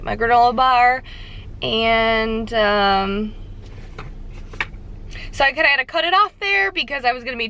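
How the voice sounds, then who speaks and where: A young woman talking as a vlogger in a casual, rambling check-in to the camera from inside a car. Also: a little high. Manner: informal, rambling vlogger talk. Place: inside a car while driving. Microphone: camera set down in the car. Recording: loud car and road noise.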